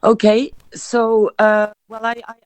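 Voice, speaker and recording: A young adult woman from Belgium, a DJ appearing as a podcast guest, talks reflectively about feeling and energy. Her fairly high voice is monotone and darkish, her pace slow with no echo, and she restarts her sentences often.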